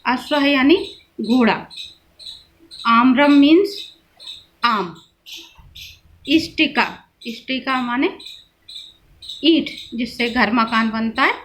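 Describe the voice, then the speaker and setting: A woman teacher slowly explaining vocabulary to schoolchildren, patiently repeating each word before giving its meaning. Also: sits high, fairly bright tone, a little hiss or hum. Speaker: Sanskrit teacher.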